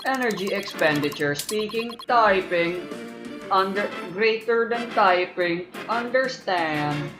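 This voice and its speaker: A woman voicing a terse male bomb expert who talks through a text-to-speech voice, clipped and flat, in a voiced game playthrough. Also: mid-range voice, takes it slowly, voice pushed up. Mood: flat robotic. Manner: clipped, flat, word-by-word delivery. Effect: imitated robotic text-to-speech voice. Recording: echoey room with game music.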